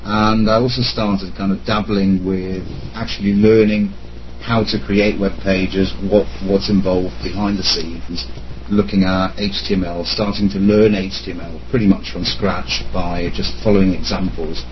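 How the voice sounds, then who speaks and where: A man's voice: low voice, little pitch movement, normal speed. A man in his thirties, from Germany and raised in Italy, answering interview questions from his room at home in a rambling way, with many fillers and restarts. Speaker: podcast guest, web accessibility expert. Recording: slightly dull lo-fi audio with faint hum.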